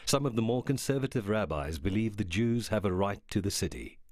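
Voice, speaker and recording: A man narrating a documentary in a measured, scripted way. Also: on the low side, lively intonation, darkish tone, no room sound, clean studio sound.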